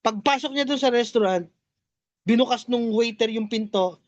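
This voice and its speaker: A woman's voice: fairly high pitch, normal speed, no room sound, highs cut off. A woman vlogger chatting with her viewers as she tells a joke, often turning to talk to them directly. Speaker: network marketing vlogger. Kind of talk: casual joke storytelling to viewers.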